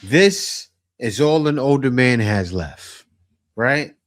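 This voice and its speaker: A man's voice: mid-range voice, animated, slow pace. A man giving casual commentary on dating, often tagging his points with a question. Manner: conversational, asks "right?" often.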